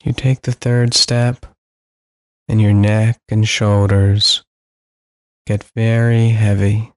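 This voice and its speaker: A man guiding a sleep meditation, speaking slowly and soothingly with long pauses. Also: fairly low pitch, flat delivery, dry recording, studio quality. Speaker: meditation guide.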